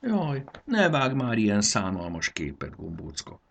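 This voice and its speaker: A man voicing a kind little fairy girl who fusses gently over a sick creature. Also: mid-range voice, wildly swooping pitch, slightly rough, voice pushed up. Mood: tender.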